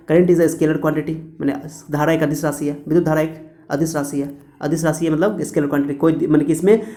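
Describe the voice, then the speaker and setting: A man's voice: fairly high pitch, dark tone. A male teacher giving a chatty classroom physics lecture, repeating points and laughing at his own jokes.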